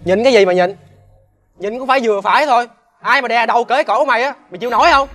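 A man's voice: very high voice, very fast, a bit bright. An actor playing a defiant, jobless young man, making defensive, sneering comebacks in a TV crime drama.

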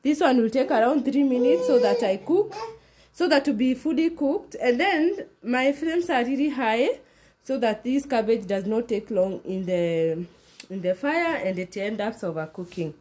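A woman's voice: on the high side, animated, normal speed, rough recording. A Kenyan woman with a Kenyan accent chatting casually to viewers as she cooks in her home kitchen, mixing in Swahili phrases. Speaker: cooking vlogger. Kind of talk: casual cooking demonstration. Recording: loud music under voice.

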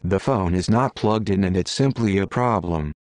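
A man's voice: low voice, normal speed, a little mellow, no echo, natural voice. A man voicing a vain male actor. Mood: smooth-talking.

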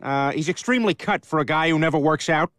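A man plays a blustering cartoon dad who rambles through lists with "uh" and "um", then snaps into yelling. His voice is bright and a little high, and the recording is dry and close. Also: fast talker, no room sound, natural voice. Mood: rambling. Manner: rambling, hesitant with many fillers, bursts into shouting.

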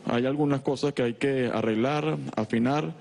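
A middle-aged man with a Venezuelan accent speaks at medium pitch into a handheld microphone. He reports formally as an industry representative, measured and a little halting. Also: gravelly, a little mellow. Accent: Venezuelan Spanish. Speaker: business chamber representative. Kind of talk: formal spoken report at a meeting. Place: televised conference hall.

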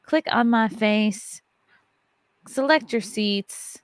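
Speaking extremely slowly in a fairly high voice, this podcast host in her thirties jokes around and swears freely on her casual livestream. She broadcasts from a home studio lit with neon, using a large arm-mounted studio mic that yields a dry, close sound.

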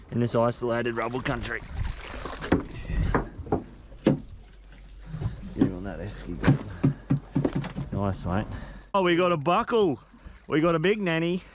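Excitable Australian man on a fishing boat. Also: mid-range voice. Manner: loud, excitable, swears casually. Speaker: fishing vlogger. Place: outdoors on a boat at sea. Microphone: action camera. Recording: outdoor boat noise. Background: wind, water and boat engine.

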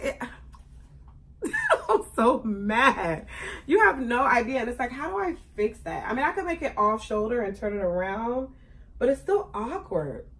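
A young woman vlogger ranting casually about a disappointing purchase, exasperated and animated, often laughing through her complaints. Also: high-pitched. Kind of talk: casual product review rant.

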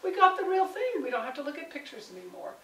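A woman with a somewhat high voice leads a Bible study for a small group, chatting and asking them questions. She acts out the people she quotes. The sound is roomy and distant, with faint noise behind her. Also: sing-song, fast talker. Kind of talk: conversational Bible teaching.

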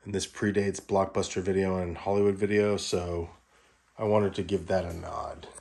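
A middle-aged man from Los Angeles narrating a tour of the video store he built at home, in a relaxed, wry, matter-of-fact way. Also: low-pitched, normal speed, vocal fry. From Los Angeles, California.

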